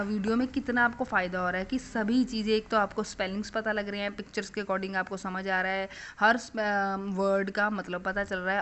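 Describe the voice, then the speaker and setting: A woman's voice: medium pitch, fairly bright tone. Woman teaching phonics to kids. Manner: repetitive call-and-response questioning. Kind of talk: phonics lesson for children.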